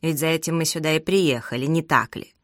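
A woman's voice: sits low, a little fast, no room sound, clean studio sound, natural voice. A woman reading as a grumpy, bossy old man. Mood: gruff. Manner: gruff, demanding, complaining.

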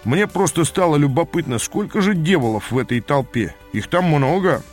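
A man's voice: on the high side, animated, normal speed, soft background music, lightly acted. Man doing a mild, easygoing troll. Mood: calm. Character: easygoing, polite, learned male troll.

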